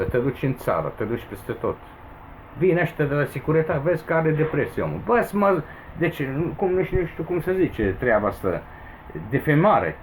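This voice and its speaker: Romanian man in his 40s, vlogging a heated grievance, voice leaping high on outbursts, faint background hiss. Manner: agitated, with emphatic high-pitched outbursts. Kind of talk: rambling personal complaint to camera. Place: home in the Philippines.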